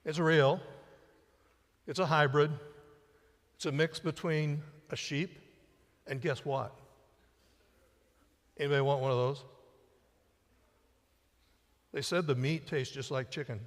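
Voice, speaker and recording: A middle-aged male pastor delivers a conversational sermon in a sanctuary, his somewhat high voice swelling and then falling to a near hush on the words he wants to land. The live-streamed sound trails off in the long reverb of the church hall. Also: steady tone, measured pace, pauses often. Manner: conversational preaching, rising and dropping to a hush for emphasis. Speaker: senior pastor. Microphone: church sound system mic.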